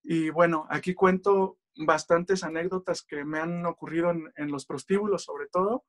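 A man tells his religious testimony in an earnest, heartfelt way. His voice sits high for a man. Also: steady tone, moderate pace. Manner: earnest, addresses listeners as brothers. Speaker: speaker giving testimony.

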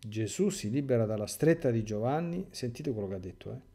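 A man's voice: medium pitch, lively intonation, brisk, warm tone. A male priest reading a sacred story aloud for a catechesis class, narrating expressively and stopping to add asides to his listeners.

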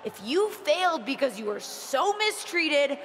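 Sarcastic young female wrestler, piercing high and forceful, game wrestling promo in echoing arena. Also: very animated, exaggerated voice. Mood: mocking. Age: young adult. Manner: mocking, pointed, deliberate. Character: defiant young wrestler, sarcastic betrayed niece. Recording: reverberant arena PA with ambient noise.

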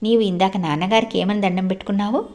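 A woman narrator voicing a gentle, caring young girl who speaks in a soft, slow, consoling way within a storybook reading. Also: medium pitch, fairly even intonation, natural voice.

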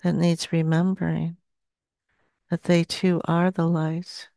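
A woman in her sixties, her voice touched with vocal fry, speaks as a medium in a seance trance. Each short phrase is solemn and evenly pitched, followed by a long pause. The audio is dry and close on a headset, recorded in a small, dim room indoors.

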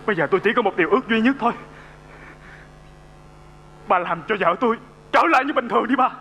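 A man's voice: high voice, animated, fast talker, sharp tone, in a large hall, a little hiss or hum. A man acting in a stage comedy sketch, speaking in a pleading, remorseful way. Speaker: comic actor. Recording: stage recording with music behind.

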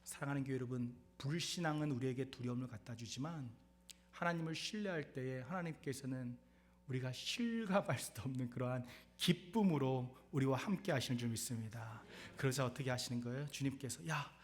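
A male pastor preaching a sermon in church, animated, firing off rhetorical questions and swinging between soft and loud. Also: medium pitch, a little fast. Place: church sanctuary.

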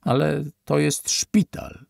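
Brief: a man reading a frightened young cadet, cautious and hesitant, slightly husky. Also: on the high side, steady tone, takes it slowly, a little mellow, dry recording, studio quality, voice pushed up, heavily acted. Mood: timid. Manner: hesitant, near whisper. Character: nervous young male cadet, timid and cautious. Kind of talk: audiobook character voice.

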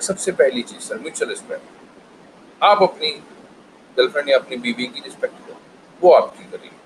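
A man's voice: medium pitch, slight background noise, low-quality recording. A man teaching an online class, switching between Hindi and English and explaining with everyday relationship examples. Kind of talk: online lecture.

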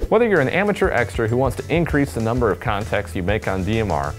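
Speaking quickly and expressively in a mid-range voice, a twentysomething man shows off a radio company's products to camera in a casual, upbeat demo. He's at a table in an indoor studio with background music.

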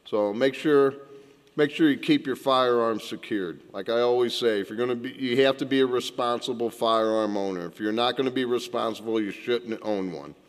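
A middle-aged man delivers a council member's report in a plainspoken way, repeating key points for emphasis. His pitch sits mid-range for a man. The sound carries a long reverb from the council chamber. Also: normal speed. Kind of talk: meeting report. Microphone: desk gooseneck mic.

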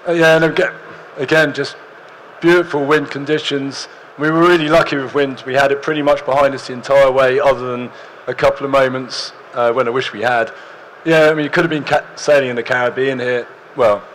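Slightly hoarse young man on stage. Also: mid-range voice, steady tone, a little fast, fairly bright tone, a little hiss or hum, low-quality recording. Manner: easygoing, dry humour. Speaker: presenter. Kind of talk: stage talk with slides. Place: large hall with audience.

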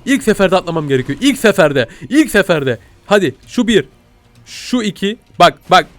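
A young man commentating a game he plays, panicking, shouting and laughing in mock fear. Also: sits high, big pitch swings, moderate pace, dry recording, faint music behind. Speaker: gaming YouTuber. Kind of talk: excitable gameplay commentary.

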